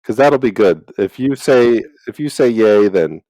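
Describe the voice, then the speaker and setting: A man's voice: fairly low pitch, animated, a little slow, dark tone, poor audio. A man co-hosting a podcast, joking around with playful interjections. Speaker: podcast co-host. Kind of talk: casual chat.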